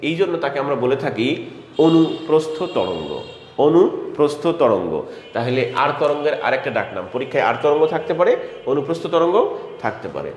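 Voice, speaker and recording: In a classroom, a male teacher delivers an exam-prep lecture quickly, his pitch rising and falling in a lively way. He asks and answers his own questions, calls on students by name and repeats key terms, his voice echoing through a roomy hall over a faint ambient hum.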